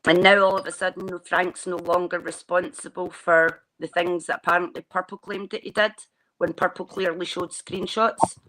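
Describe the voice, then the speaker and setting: Argumentative chat host, mid-pitched voice. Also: level tone, moderate pace, pushed and bright, rough recording. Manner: argumentative, questioning. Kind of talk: casual group chat.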